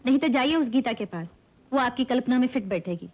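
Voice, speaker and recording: A woman's voice: a little high, expressive, brisk, darkish tone. An actress playing a proud, stubborn young woman in a 1970s Hindi film, who talks curtly. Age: young adult. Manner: curt and refusing, then tearful. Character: proud stubborn young woman who later weeps over lost love. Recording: dull old film soundtrack with music.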